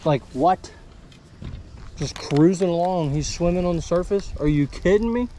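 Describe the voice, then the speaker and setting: A man giving casual running commentary while fishing from a boat outdoors. He is excitable and slangy, and he talks to the fish. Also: high-pitched, normal speed, a little hiss or hum. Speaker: fishing vlogger.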